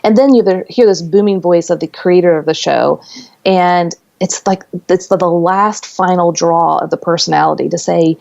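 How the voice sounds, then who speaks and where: Earnest woman guest on a podcast, low gravelly voice, muffled lo-fi sound. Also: moderate pace, a little mellow. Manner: earnest, explains with stories and examples. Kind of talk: conversational interview.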